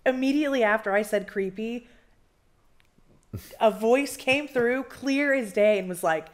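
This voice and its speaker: A woman paranormal investigator chatting as an interview guest indoors, telling stories in an animated way with many fillers. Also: fairly high pitch, a little slow. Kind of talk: casual storytelling interview. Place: indoor room of an old school building.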